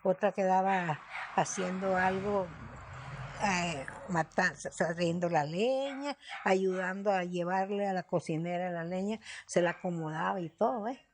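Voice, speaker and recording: A woman's voice: lowish voice, slight background noise. Guanacaste woman in her nineties reminiscing. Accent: Costa Rican, Guanacaste. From Guanacaste, Costa Rica. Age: 90s. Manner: reminiscing, plain-spoken, halting with restarts. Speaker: interviewee. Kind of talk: documentary interview.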